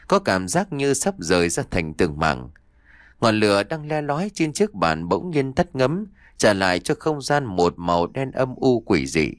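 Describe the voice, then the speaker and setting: A man narrating a fiction audiobook in an expressive storytelling manner. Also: fairly low pitch, no echo, studio quality.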